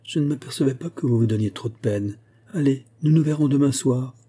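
Poised, teasing young noblewoman, read by a man, gracious and coy, dark timbre. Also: mid-range voice, a little fast, husky, voice pushed up, natural voice.

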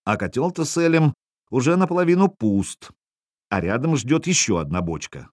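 A man reading a first-person audiobook in a wry, expressive way, voicing the dialogue as he goes. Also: medium pitch, moderate pace, dry recording, clean studio sound. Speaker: audiobook narrator.

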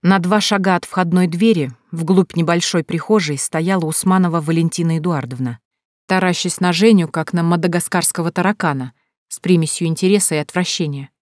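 A woman narrating a novel with a steady, even storytelling read. Her voice sits lowish, and the recording is dry and close, with no room around it. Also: brisk, dry recording. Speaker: audiobook narrator. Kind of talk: scripted narration.

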